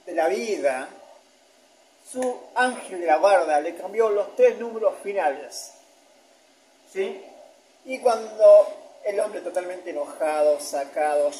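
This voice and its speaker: A man's voice: sits high, dark tone, slight background noise, poor audio. A man narrating a video voice-over in an explanatory manner. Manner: explanatory, checks in with "¿sí?".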